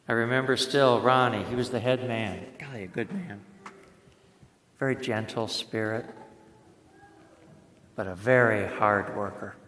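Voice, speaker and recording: A man preaching a sermon, telling a story in a plain-spoken way and slowing down to stress words. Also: lowish voice, fairly bright tone, slight background noise. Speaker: pastor. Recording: echoey hall.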